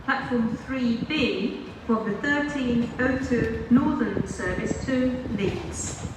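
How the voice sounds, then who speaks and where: A woman reads train station announcements in slow, measured chunks. Her fairly high voice booms through a very echoey PA from far off, with heavy railway noise all around. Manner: measured, segmented phrases. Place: railway station, over loudspeakers.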